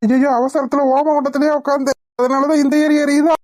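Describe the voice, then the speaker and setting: Woman as nervous cartoon priest, high, dry, pleading. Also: little pitch movement, fairly quick, a little mellow, no echo, lightly acted. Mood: panicky. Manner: whiny, flustered pleading. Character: fretful male wedding priest, timid and talkative. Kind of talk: cartoon voice acting.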